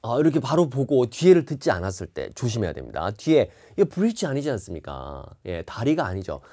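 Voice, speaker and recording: A man's voice: on the low side, wildly swooping pitch, brisk, dark tone. A man teaching TOEIC listening in an online lecture, explaining each answer and repeating key words.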